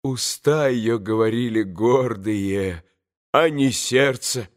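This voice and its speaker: A man's voice: medium pitch, pitched below the performer's own voice, lightly acted. Venomous bitter young woman, read by a man. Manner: slow, venomous, drawn-out. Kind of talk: audiobook character reading.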